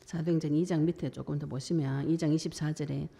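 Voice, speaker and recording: A woman's voice: sits low, fairly even intonation, fairly quick, gravelly, mellow. A woman preacher, giving a colloquial sermon and acting out the voices she quotes.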